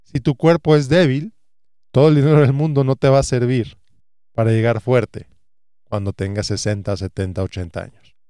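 A man's voice: medium pitch, steady tone, normal speed, dark tone, smooth, no echo, clean studio sound. A man in his thirties hosting a solo finance podcast, earnest and stacking repeated phrases. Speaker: podcast host and financial advisor.

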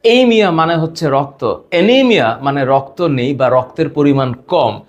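A man's voice: fairly high pitch, lively intonation, normal speed, dull audio. A man teaching biology vocabulary, explaining each term step by step and lifting his voice on each new word. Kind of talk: short educational explainer.

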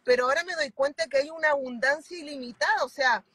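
Fast-talking and forceful, a woman with a bright, high voice and a Chilean accent pleads her case fervently from inside a car. She's in her thirties and is a mentoring client on a video call, using a phone held at arm's length.

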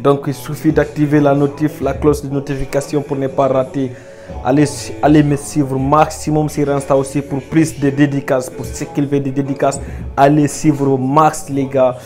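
A young man hosting a street interview show, talking in an energetic, hyped way with ad-libs, into a lapel mic. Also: medium pitch, moderate pace, faint music behind. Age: young adult. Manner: energetic, hype, ad-libs like bling and boum. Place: small indoor room at first, then busy public streets and malls.

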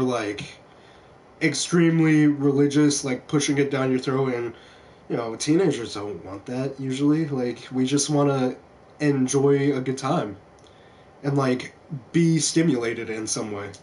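Streaming a game from a room at home, a young adult man from small-town Kentucky tells casual, rambling stories in an American accent. His voice is medium in pitch with a darkish tone, and he speaks unhurriedly over background music.

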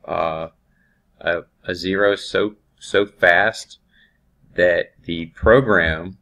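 Low gravelly man talking through software. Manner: thinking aloud, hesitant with ums and restarts. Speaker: automation instructor. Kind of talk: screen-recorded software tutorial.

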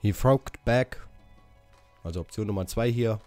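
A man giving a casual game walkthrough, haltingly reading out English dialogue options and correcting himself as he goes. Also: lowish voice, a little mellow, soft background music. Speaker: gaming channel host.

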